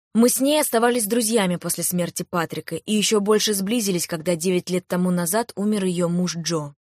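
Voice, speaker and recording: A woman reading a first-person novel aloud in a calm, even storytelling manner, close to a studio microphone. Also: fairly low pitch, no echo. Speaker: audiobook narrator. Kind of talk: first-person audiobook narration.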